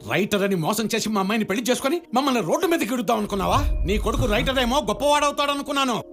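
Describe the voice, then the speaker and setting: An actor playing an angry prospective father-in-law who shouts accusations in a film scene. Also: extremely high pitch, animated, racing, soft background music, exaggerated voice. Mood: accusing. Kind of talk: film acting.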